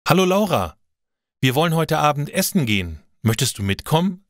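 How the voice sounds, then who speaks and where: A man voicing a young woman in a learner's story, a little higher and livelier than his narration. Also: very animated, a little fast, no room sound, clean studio sound. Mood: friendly. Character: young woman, friendly then nervous.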